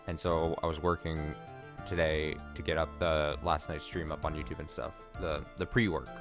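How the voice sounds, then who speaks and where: A man's voice: rumbling low, level tone, normal speed, over music. A man giving casual, sweary game commentary as a streamer, often mocking himself.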